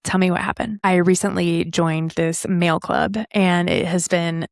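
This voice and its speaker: A woman hosting a podcast and speaking in an earnest, reflective way. She slows down to stress key lines. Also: lowish voice, level tone, vocal fry, dry recording, studio quality. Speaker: podcast host.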